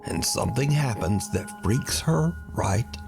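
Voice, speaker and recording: A man's voice: on the low side, animated, unhurried, gravelly. A man narrating a paranormal compilation in a scripted, ominous way. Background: music under the narration.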